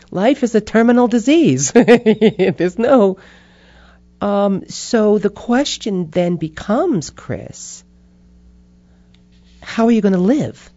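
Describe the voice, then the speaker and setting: An older woman talking casually as an interview guest, animated and quick to laugh, acting out voices as she tells her stories. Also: mid-range voice, dry recording, dull audio. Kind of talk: casual chat.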